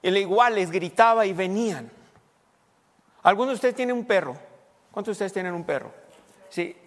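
A man's voice: high voice, animated, moderate pace. Man, pastor, folksy conversational sermon, repeats himself, church hall reverb. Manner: folksy, repeats words, asks the congregation questions.

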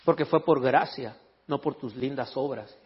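At a moderate pace, a pastor with a mid-range, slightly rough voice preaches in church, mixing animated stories with jokes for the congregation. He switches into English to read scripture, reading it in English and Spanish too. The sound is dull, lo-fi and echoey.

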